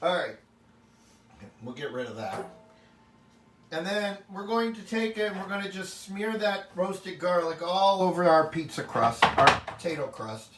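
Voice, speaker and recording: A man talks through a home cooking demonstration in a friendly, joking way. His voice sits fairly high for a man. He is picked up from some distance in an echoey home kitchen with a faint hum of noise behind him. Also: a bit bright. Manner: chatty and upbeat, jokes with the camera operator. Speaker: home cooking show host.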